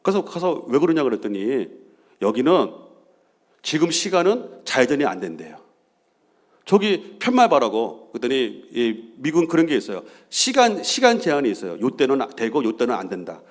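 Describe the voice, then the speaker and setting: Animated man preaching a sermon. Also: medium pitch, a little fast. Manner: animated, acts out quoted bickering and voices. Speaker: senior pastor. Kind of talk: Sunday sermon with storytelling.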